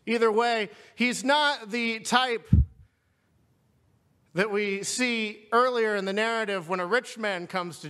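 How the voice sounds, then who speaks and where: A male preacher retells a scripture story in an earnest, storytelling sermon. His voice is high and bright, with a long reverberant tail from a chapel hall. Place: seminary chapel.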